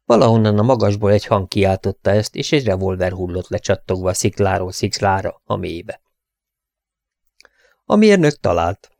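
Low-voiced male audiobook narrator. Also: animated, creaky, darkish tone, no room sound, studio quality. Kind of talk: scripted narration of an adventure novel.

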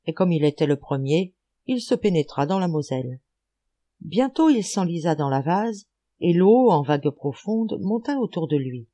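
A woman reading a folk tale aloud as an audiobook narrator, in an animated, expressive manner. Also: fairly low pitch, normal speed. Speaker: audiobook reader. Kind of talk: storybook narration.

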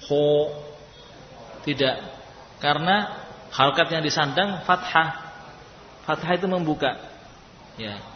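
A man teaching a class to read Arabic letters, who sounds them out loud and explains them patiently. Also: fairly high pitch, a little hiss or hum. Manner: patient, demonstrates letters loudly and slowly. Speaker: Quran reading teacher. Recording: echoey hall, dull lo-fi sound.

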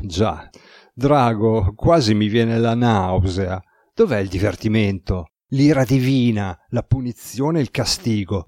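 A man's voice: fairly low pitch, darkish tone, dry recording, studio quality. A man voicing a wry, restless young man who makes sardonic asides.

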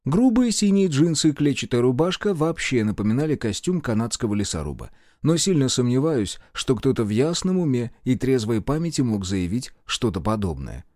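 A man narrating an audiobook in an expressive storytelling manner, close to the mic. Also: mid-range voice, moderate pace, hardly any pauses, no room sound. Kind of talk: scripted narration.

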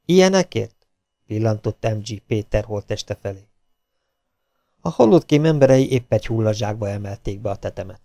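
A middle-aged man reading an audiobook in an even, measured way. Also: lowish voice, dry recording. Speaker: audiobook narrator. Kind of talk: audiobook narration.

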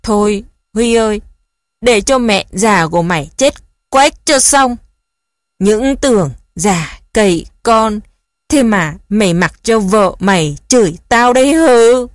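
Woman doing a bossy old mother-in-law, wailing and scolding, loud, dry. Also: mid-range voice, lively intonation, slow, dry recording. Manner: lamenting, scolding. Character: elderly rural mother-in-law, wailing and domineering.

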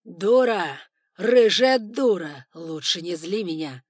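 Woman voicing a loud, cruel spider lord. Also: low voice, level tone, normal speed, breathy edge, no echo, studio quality. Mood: furious. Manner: commanding, loud, menacing. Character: domineering male spider lord, harsh and cruel.

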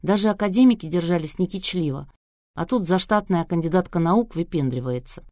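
A woman narrates a novel with lively storytelling. Her voice sits on the lower side and the recording is dry and close. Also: brisk, no echo. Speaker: audiobook reader. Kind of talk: scripted narration.

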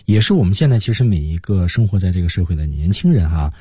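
A man's voice: deep voice, expressive, fast talker, dark tone, breathy edge, no room sound. A man co-hosting a radio English lesson, breaking song lines into stressed words and linked sounds. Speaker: radio English teacher and co-host. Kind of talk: radio lesson on pronunciation and singing.

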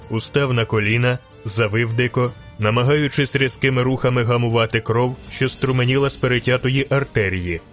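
Brief: male audiobook narrator, mid-pitched, measured delivery, faint music bed. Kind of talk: dramatic audiobook reading.

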